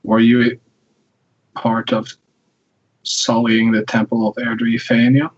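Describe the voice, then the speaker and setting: A man plays his character in a tabletop game, calm and dry in how he speaks. His voice is husky and rough at the edges. The recording sounds dull and lo-fi. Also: medium pitch, takes it slowly. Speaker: player.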